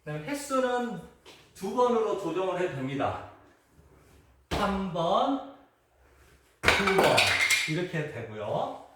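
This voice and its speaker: A host shows how to play a traditional Korean game, casually explaining each step and acting it out with frequent exclamations as he moves. His high voice is sing-song and unhurried with long pauses, and the unedited camera audio is distant and echoey with faint noise.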